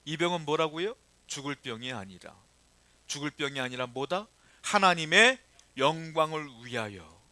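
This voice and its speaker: Bright high-voiced male pastor preaching. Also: expressive, moderate pace. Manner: asks the congregation rhetorical questions, swings from quiet to loud. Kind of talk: sermon.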